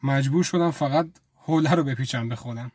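A man reading the lines of a cheeky young woman houseguest in a light, teasing way, over soft music. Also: mid-range voice, no room sound, studio quality, natural voice.

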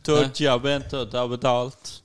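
A man with a clean, resonant voice at a medium pitch. He talks casually as a podcast co-host, joking with his friends. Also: little pitch movement, smooth.

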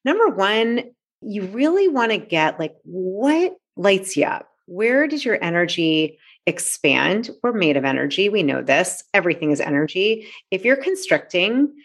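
A woman's voice: mid-range voice, sing-song, a little slow. A woman in her forties, a coach, talking earnestly and reflectively in a casual interview, with many fillers. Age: 40s. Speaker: coach and author.

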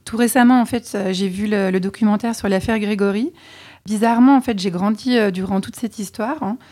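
A chatty woman answering interview questions with a mellow, warm tone. She talks candidly and hesitates now and then as she thinks. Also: medium pitch, a little fast. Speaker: podcast co-host being interviewed.

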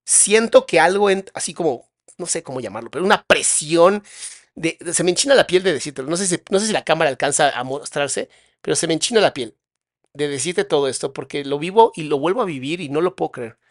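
A man's voice: a little high, lively intonation, a little fast, no room sound, clean studio sound. A man with a Mexican accent telling a personal story in a casual, slang-filled way. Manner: casual, slangy, re-enacting dialogue. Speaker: podcast host.

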